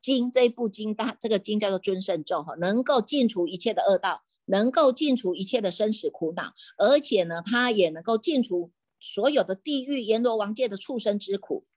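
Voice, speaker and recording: A woman, teaching Buddhism by retelling a scripture story, repeating her key phrases and trailing off with drawn-out particles. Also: mid-range voice, animated, a little mellow. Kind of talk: sermon storytelling.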